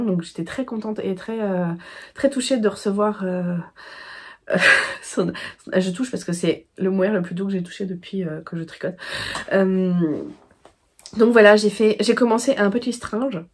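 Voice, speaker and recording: A woman's voice: mid-range voice, a little mellow. A woman from France chatting casually about her knitting projects in her own vlog, rambling with many fillers and restarts. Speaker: knitting podcast host. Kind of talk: casual chat.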